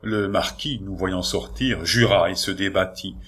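A man narrating a classic story as an audiobook, in a measured, dramatic manner. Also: low voice, a bit bright, husky.

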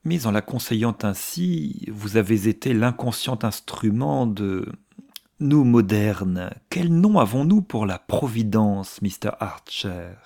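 A man reading a novel aloud, voicing an effusive, gossiping older aristocratic woman with theatrical, hushed asides. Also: lowish voice, animated, takes it slowly, gravelly, heavily acted. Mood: gushing.

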